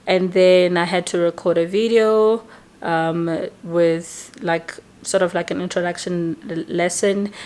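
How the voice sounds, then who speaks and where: A woman who teaches English, chatting casually to camera as she tells a long story and often tacks a questioning "right?" onto her sentences. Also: on the low side. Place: indoors, lawnmower outside.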